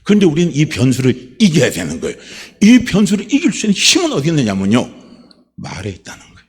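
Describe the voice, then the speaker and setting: A male pastor preaching a Sunday sermon in a church, his delivery swinging from low, quiet murmurs to loud, shouted declarations. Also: wildly swooping pitch, quick pace, slightly rough, in a large hall. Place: church sanctuary.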